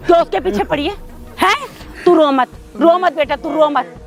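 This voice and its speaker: A woman playing a furious mother who scolds her grown daughter in a shrill, repetitive way. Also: moderate pace, faint music behind. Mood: despairing. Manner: shrill, scolding, repeats herself.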